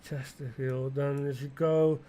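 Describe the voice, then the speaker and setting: A man's voice: medium pitch, level tone, measured pace, warm tone, slight background noise. A British man musing aloud in rambling flight-sim commentary, often asking himself questions and restarting his sentences, with blunt, mildly irreverent asides. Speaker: gaming video creator.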